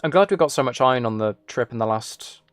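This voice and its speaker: Over soft background music, the streamer, who makes gaming and ASMR content, talks quickly and animatedly at medium pitch, rambling and thinking out loud in reply to viewers as he plays.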